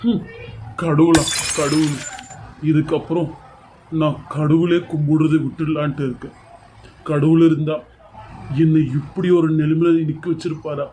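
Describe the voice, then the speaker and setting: A man's voice: fairly high pitch, little pitch movement, a little slow, long pauses, warm tone, slight background noise, lightly acted, poor audio. A man voicing a guilt-ridden young groom in a cartoon serial, remorseful and despairing.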